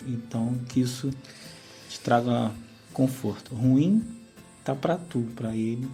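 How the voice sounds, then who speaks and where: A man's voice: mid-range voice, slow, warm tone, faint music behind. A man hosting a faith radio interview in a pastoral, consoling way. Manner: consoling, keeps adding "né?". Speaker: radio program host.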